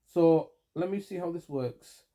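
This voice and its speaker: A man's voice: fairly high pitch, measured pace, dark tone. A man leaving a long phone voicemail, aggrieved and accusatory, often stopping to restart his sentences. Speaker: caller.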